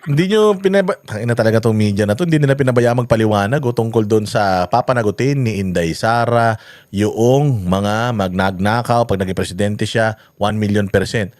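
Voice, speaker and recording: A man's voice: on the low side, fairly quick, darkish tone, dry recording. A man giving heated, mocking commentary on a news story, swearing and firing rhetorical questions. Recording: noisy background.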